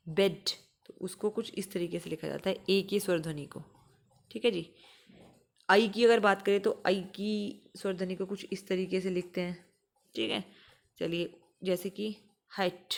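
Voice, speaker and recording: A young woman teaching exam students, explaining and slowly repeating example words. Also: medium pitch. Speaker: English teacher for exam prep. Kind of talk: explanatory lesson.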